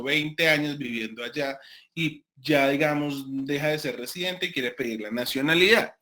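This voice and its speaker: A man from Colombia with a Colombian accent, giving an online class as a lecturer, talking deliberately with many fillers and restarts. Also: mid-range voice, sharp tone. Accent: Colombian Spanish. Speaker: university lecturer.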